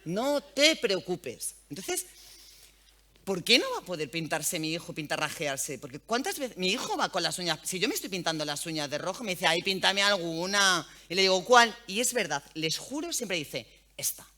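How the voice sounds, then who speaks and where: A woman with a Spanish accent talks frankly and bluntly, her voice bright and forceful. Her pitch leaps up and down constantly as she tells stories with gusto. She is a radio journalist sitting in as a panel guest. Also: very animated, normal speed. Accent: Spain. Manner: blunt, outspoken, earthy. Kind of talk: frank conversational interview. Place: event panel.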